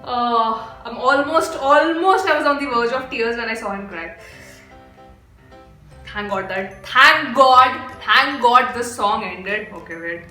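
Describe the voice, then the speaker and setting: A woman's voice: on the high side, takes it slowly, sharp tone, faint music behind. A young Indian woman with an Indian accent hosting a reaction video, gushing and exclaiming a lot as she comments. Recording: echoey room.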